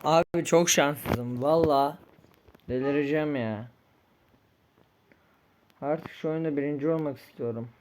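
A young man commenting on his own game play, frustrated and pleading, muttering one moment and yelling the next. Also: on the high side, unhurried, long pauses, slight background noise. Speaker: gaming streamer. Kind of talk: Minecraft-style game commentary.

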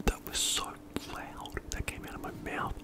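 Someone whispering casually in an ASMR finger-tapping video, rambling in informal, self-deprecating slang with a breathy, unvoiced voice. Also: moderate pace. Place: indoors at home.

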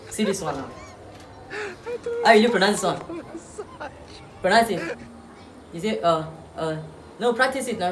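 A woman's voice: lowish voice, background noise. A woman giving a joking spelling lesson, playful and repetitive, laughing often. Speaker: comic host. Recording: roomy echo.

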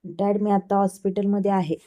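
A woman reading the lines of a calm, reassuring young man recovering in a hospital, in a storybook tale. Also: mid-range voice, normal speed, natural voice.

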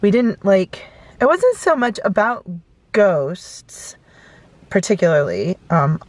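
A woman in her thirties vlogs from her car, parked at night, telling a casual story to a camera held close in front and rambling with lots of fillers. Her mid-range voice is sing-song and a little mellow, she takes her time, and there's no echo.

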